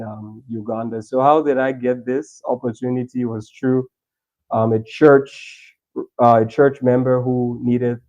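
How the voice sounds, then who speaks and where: Mellow-voiced young man on a video call. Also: medium pitch, poor audio. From Liberia. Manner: chatty, with restarts. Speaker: guest. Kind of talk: remote interview conversation.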